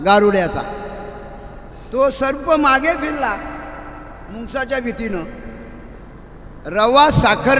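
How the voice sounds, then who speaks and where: A man with a Marathi accent preaching a devotional sermon, telling stories and swinging between shouting and quiet questions to the audience. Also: sits high, slight background noise. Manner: animated, rising to shouts and dropping to quiet asides, questions to the audience. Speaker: kirtan preacher. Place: large hall at a memorial gathering. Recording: echoey hall with faint ambience.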